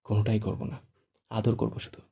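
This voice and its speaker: A man's voice: mid-range voice, fairly even intonation, fast, warm tone, natural voice. A man voicing a hot-tempered young groom who gives curt, threatening commands. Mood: bossy.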